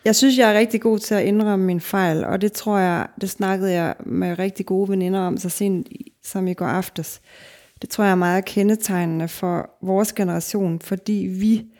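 A woman's voice: mid-range voice, steady tone, a little mellow. A middle-aged woman from Denmark, a guest author in a casual podcast conversation, talking reflectively in long winding sentences full of fillers.

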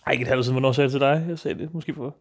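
A man's voice: medium pitch, steady tone. Young man telling a story, teasing. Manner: storytelling, teasing, swears casually. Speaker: podcast co-host. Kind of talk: casual chat.

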